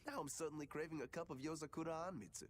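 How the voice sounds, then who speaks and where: An actor playing a calm, plain-spoken young swordsman in a video game. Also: fairly high pitch, very fast, slight background noise, close to an everyday voice.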